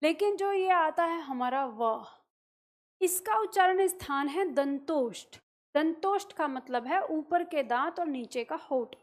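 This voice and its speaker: A woman teaching a grammar lesson, explaining patiently, asking the class questions and answering them herself, repeating sounds slowly to show them. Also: high-pitched, animated.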